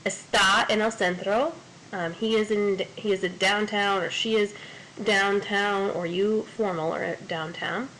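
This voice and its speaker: A woman's voice: medium pitch, fairly bright tone, a little hiss or hum, low-quality recording. A woman teaching Spanish in a recorded lesson, explaining patiently step by step with frequent fillers.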